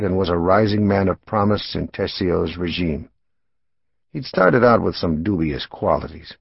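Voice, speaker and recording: A man reading a crime novel aloud as an audiobook narrator, in a steady, matter-of-fact storytelling manner. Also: sits low, creaky, husky, no echo, dull audio.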